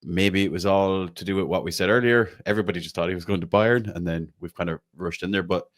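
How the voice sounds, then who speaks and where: Low and steady in tone, this Irish man speaks quickly as he hosts a football fan podcast. His chat is casual, heavy on "like," with a swear now and then.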